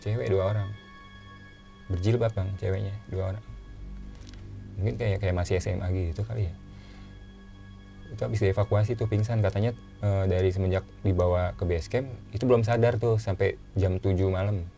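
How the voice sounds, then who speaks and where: A man with a casual way of talking, telling his own story as a guest in a relaxed chat and repeating phrases for emphasis. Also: low voice, normal speed, vocal fry, long pauses, soft background music.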